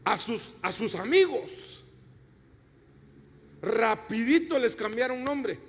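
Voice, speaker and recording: A pastor delivering an emphatic sermon, addressing the congregation directly and asking them rhetorical questions. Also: male voice, extremely high pitch, animated, slow pace, a bit bright. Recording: long reverb of a church hall.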